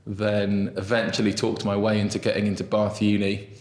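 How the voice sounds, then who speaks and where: A man's voice: lowish voice, monotone, normal speed, a little mellow, roomy sound. A man in his thirties, raised in England, chatting as a restaurant co-founder guest in a small room, self-deprecating and full of fillers. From Brazil, raised in England. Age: 30s. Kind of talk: casual interview chat. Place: small room in an office building.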